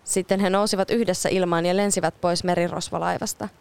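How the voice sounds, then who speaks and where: A woman narrating a children's storybook in a gentle, steady, expressive way. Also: on the low side, creaky, clean tone.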